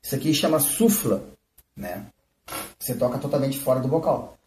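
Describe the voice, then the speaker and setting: Over a noisy background, a man with an expressive mid-range voice talks at normal speed during a live-streamed flute lesson. He explains techniques and checks in often with "né?" and "tá?"; the recording is roomy and distant.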